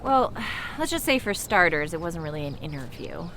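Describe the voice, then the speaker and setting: A woman's voice: lowish voice, big pitch swings, moderate pace, a bit bright, a little hiss or hum. An actress playing a flustered young woman named Sophie, telling a rambling, exasperated story about a disastrous meeting.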